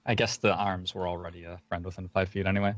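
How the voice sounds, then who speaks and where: A man narrating as game master of a tabletop game, talking with many fillers and slowing down for descriptions. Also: sits low, level tone, fairly bright tone, lo-fi sound. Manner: hesitant, filler-heavy narration with slowed descriptive passages.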